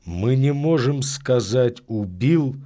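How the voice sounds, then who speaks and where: A man doing a hoarse, skeptical investigator. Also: medium pitch, animated, slow pace, dark tone.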